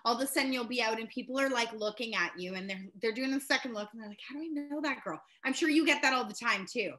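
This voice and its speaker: A woman's voice: a little high, fast talker, bright, forceful tone. A young adult woman, a realtor telling stories with many fillers in a casual podcast conversation. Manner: chatty storyteller with frequent laughs and fillers.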